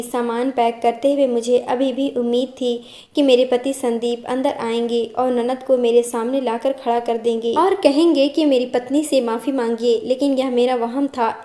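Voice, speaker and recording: A woman narrating a first-person family story in a steady, even reading voice, voicing the quoted dialogue herself. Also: fairly high pitch, echoey room.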